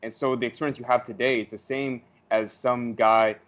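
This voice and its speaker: A man's voice: mid-range voice, level tone, moderate pace, a bit bright, low-quality recording. A man chatting casually and explaining his ideas in a reflective way. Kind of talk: casual conversation.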